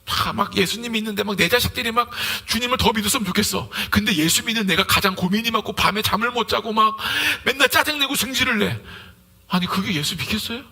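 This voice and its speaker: A male pastor preaching a Sunday sermon in a lively way, acting out everyday conversations as he goes. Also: sits high, fast talker.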